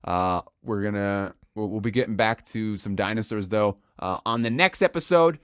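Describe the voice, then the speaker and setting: A man's voice: on the low side, normal speed, a bit bright, smooth, no echo, clean studio sound. A man co-hosting a podcast in casual chat, laid-back, swearing and trailing off with fillers. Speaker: podcast co-host.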